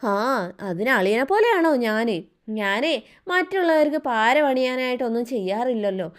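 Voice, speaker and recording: A woman's voice: fairly high pitch, expressive, moderate pace, lightly acted. A woman doing a sly teasing brother-in-law. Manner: mocking, needling.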